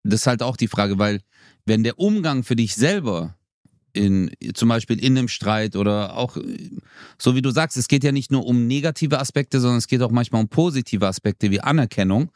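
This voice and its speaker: A laid-back man chatting on a podcast in a slangy, easygoing way, now and then acting out what people say. His voice sits at an ordinary middle pitch. The recording is dry and close, with no room sound. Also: animated, normal speed, a little mellow, no echo. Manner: laid-back, slangy, acts out quoted lines. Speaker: podcast co-host. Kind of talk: casual chat.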